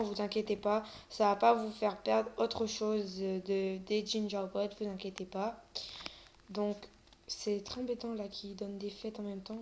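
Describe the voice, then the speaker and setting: Woman stammering through game commentary. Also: mid-range voice. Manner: stammers often; hesitant, many fillers. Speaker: gaming video creator. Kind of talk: casual gameplay commentary.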